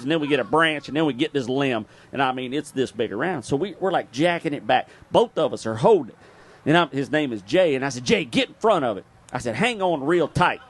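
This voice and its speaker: A man, hosting an outdoors radio show and telling a story live, laughing often and throwing in sound effects. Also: a little high. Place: live event at a bar.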